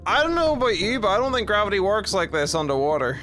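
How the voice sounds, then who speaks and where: A man's voice: sits high, big pitch swings, fast talker, fairly bright tone, faint music behind. A man giving casual let's play commentary, chatty and rambling, laughing easily as he reacts to the game. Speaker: streamer.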